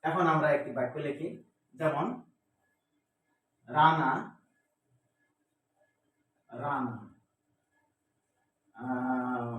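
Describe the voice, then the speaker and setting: Recorded from afar in a heavily echoing indoor room, a man walks through English grammar one step at a time, asking himself questions, answering them and repeating key words. His mid-range, fairly bright voice stays fairly even, with drawn-out words and frequent pauses.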